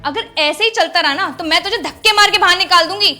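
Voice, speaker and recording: A woman playing an arrogant rich lady who scolds her driver in a scripted skit, speaking in a sharp, scornful way. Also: fast talker, soft background music, full character voice. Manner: shrill scolding, later soft apology. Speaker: actor in a short moral skit. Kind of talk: scripted social skit acting.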